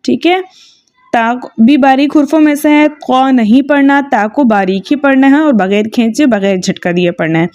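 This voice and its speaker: A woman with a high, clear-pitched voice leads a recitation lesson. She explains every rule slowly and methodically, checking in with her listeners again and again. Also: a little mellow, highs cut off. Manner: patient, methodical, repeats "okay" and checks understanding; slow drawn-out chanting when reciting verses. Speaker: Quran recitation teacher. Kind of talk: tajweed lesson with recited examples.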